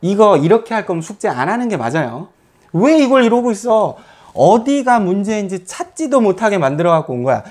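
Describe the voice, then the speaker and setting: Blunt, scolding math teacher, lively pitch. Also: male voice, fairly quick. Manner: blunt, scolding, swears casually; lively, lots of rhetorical questions. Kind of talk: lecture to students.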